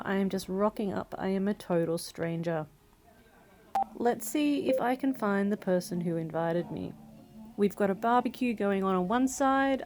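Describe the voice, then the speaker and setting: A woman chatting upbeat in a motovlog monologue, speaking inside a helmet while riding a motorbike. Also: mid-range voice. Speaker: motorcycle tour guide and vlogger. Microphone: helmet mic. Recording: loud engine and road noise, inside helmet. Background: loud motorbike and traffic noise.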